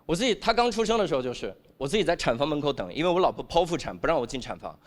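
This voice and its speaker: A man performing a stand-up comedy routine on stage, animated and acting out the voices he quotes. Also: a little high, rapid-fire. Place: comedy stage before a live audience.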